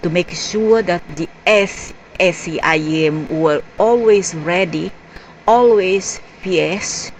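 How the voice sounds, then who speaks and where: Slow, low-voiced woman reading a story. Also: slight background noise, low-quality recording. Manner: halting, spells out word endings letter by letter. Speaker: narrator.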